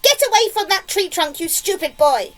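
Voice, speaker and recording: A woman voicing a bossy, mean aunt in a storybook, scolding and snapping in loud, curt cries. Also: sits high, animated, slow, soft background music, exaggerated voice.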